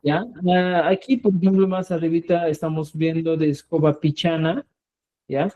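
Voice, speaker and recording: A man's voice: fairly high pitch, flat delivery, moderate pace, mellow, low-quality recording. A man teaching a Quechua lesson, repeating words and checking in with his students. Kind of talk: online language lesson.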